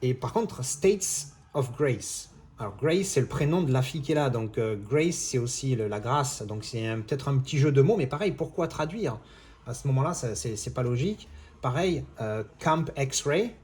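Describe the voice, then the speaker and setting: A man's voice: mid-range voice, a little mellow. Rambling, exasperated man ranting casually. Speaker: video creator. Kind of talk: casual vlog monologue.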